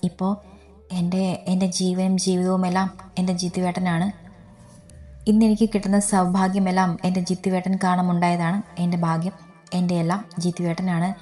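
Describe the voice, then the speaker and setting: A woman voicing a devoted, tearful young woman in love, reading her lines in a low, even storybook tone. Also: brisk, soft background music, natural voice. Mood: tearful devotion. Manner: pleading, emotional.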